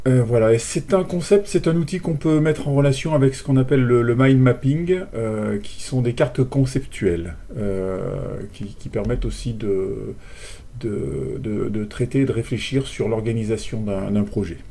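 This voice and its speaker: Mellow-voiced man giving a hesitant lecture. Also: medium pitch, moderate pace, creaky, a little hiss or hum. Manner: hesitant, many fillers and restarts. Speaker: online course instructor. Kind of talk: recorded online lecture.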